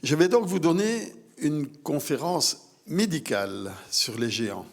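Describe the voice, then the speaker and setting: Older man giving a measured lecture. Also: a little high, expressive. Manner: measured, literary phrasing, clear delivery. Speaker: medical lecturer. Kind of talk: prepared conference lecture.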